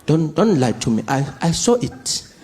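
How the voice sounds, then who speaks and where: Slow, deadpan dad in a sketch. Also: male voice, fairly high pitch, a faint crowd, slight background noise. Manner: slow, mock-serious and deadpan. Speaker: father in a comedy sketch. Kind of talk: comedy sketch.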